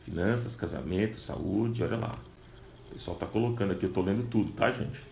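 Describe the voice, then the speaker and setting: Brazilian-style preacher in an echoey room. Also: male voice, low voice, a little fast, vocal fry, darkish tone, slight background noise. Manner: reads viewers' comments aloud, then reads scripture with rising emphasis. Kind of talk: live-streamed sermon.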